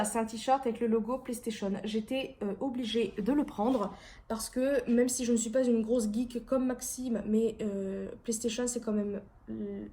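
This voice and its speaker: Chatty young woman, mellow voice. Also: fairly high pitch. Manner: chatty, rambling, self-deprecating. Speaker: vlogger. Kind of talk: casual haul video.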